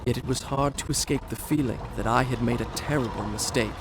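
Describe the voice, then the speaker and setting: A man's voice: medium pitch, brisk, creaky, background noise, close to an everyday voice. An actor playing a young, proud, remorseful Persian prince who tells his story in a formal, theatrical way, as dramatic video game narration. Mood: measured, regretful. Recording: music behind the voice.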